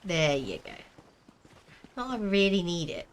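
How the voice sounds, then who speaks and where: A woman's voice: lowish voice, wildly swooping pitch, measured pace, slight background noise. A woman game streamer giving casual commentary and reading quest text aloud as she plays.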